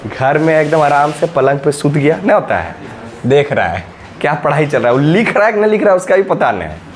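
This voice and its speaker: A man teaches maths in a classroom, his voice sitting a little high for a man. He counts through the steps aloud and keeps checking with the students, coaxing them to say whether it is clear. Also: big pitch swings, brisk, a little hiss or hum. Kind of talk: classroom lesson at a whiteboard. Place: classroom, recorded in summer heat.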